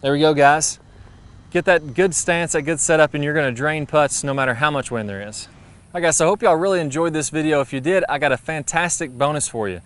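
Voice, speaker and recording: Fast-talking golf coach outdoors. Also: male voice, fairly high pitch, fairly bright tone, clean tone. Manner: brisk, friendly, practical coaching. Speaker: golf instructor. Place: golf putting green, outdoors. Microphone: lapel mic.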